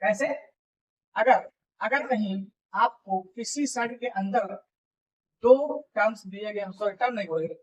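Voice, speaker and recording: Male coaching teacher with a high, dull-sounding voice; informal, repeats himself and checks in with the class. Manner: repeats points and checks understanding often; informal, calls students buddy and brother. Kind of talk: classroom video lecture.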